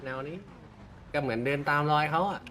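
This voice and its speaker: A man talking in character as a gang leader in an online role-play game, calm and taunting. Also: a little high, a little fast, a little hiss or hum.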